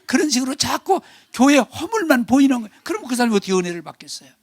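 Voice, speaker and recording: A male pastor preaching a Sunday sermon in Korean, animated, acting out quarrelling family members. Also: very high-pitched, fast talker, slightly rough, dry recording, clean studio sound. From South Korea. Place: church sanctuary.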